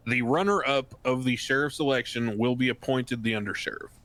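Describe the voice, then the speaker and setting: A man playing a diplomatic official in game role-play, making a formal announcement in a measured, hesitant manner. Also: mid-range voice, a bit bright, dry recording, lightly acted.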